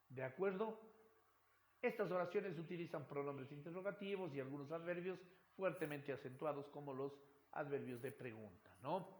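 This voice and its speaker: A male teacher giving a recorded lecture, often checking in with "right?" and repeating phrases as he explains. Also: on the high side. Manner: checks in with "right?" and "yes?" after points; repeats words and restarts phrases. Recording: roomy echo.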